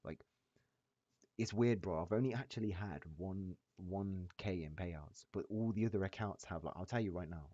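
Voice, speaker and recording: A man's voice: deep voice, normal speed, mellow. A man chatting casually with trading friends in slangy, hyped frat-bro talk, calling everyone bro and boys. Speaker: day trader sharing screen with a group. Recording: dull, roomy echoey voice-chat audio.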